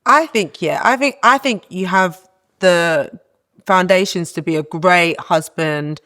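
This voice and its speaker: A young woman whose low voice she herself calls masculine speaks slowly with a fairly bright tone. She's a guest on a casual podcast chat, offering earnest, encouraging advice.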